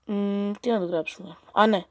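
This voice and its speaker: A woman's voice: mid-range voice, fairly even intonation, a little mellow. A female gaming channel host chatting casually and reading out a chatbot's replies, with playful, teasing, exasperated asides.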